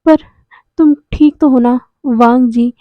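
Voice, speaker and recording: A woman's voice: high-pitched, steady tone, slow, no room sound, muffled recording. A woman voicing a tearful, clingy young man who keeps pleading and repeating his words.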